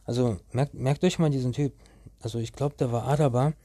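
A young man tells a story in casual, slangy speech, rambling and restarting as he goes. His voice is mellow and dark, at a middle pitch. The sound is dry and close, with no room around it. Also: fairly even intonation, a little fast, breathy edge, dry recording.

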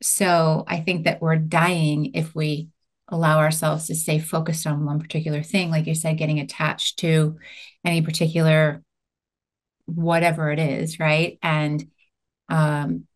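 A woman's voice: sits low, little pitch movement, measured pace. A woman guest on a podcast, speaking in an earnest, reflective way and often checking in with "right?". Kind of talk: casual conversational interview.

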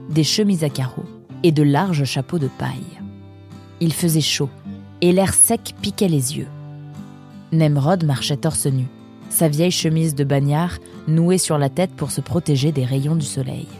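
A woman reading a storybook narration in a calm, measured way. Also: low-pitched. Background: soft guitar music.

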